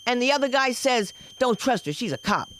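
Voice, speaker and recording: An older woman of Dominican heritage doing stand-up, telling a story with lots of exclamations and quick switches into other people's voices. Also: fairly high pitch, background noise. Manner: animated, shifts voices for characters, exclamatory. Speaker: stand-up comic. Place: comedy club open mic.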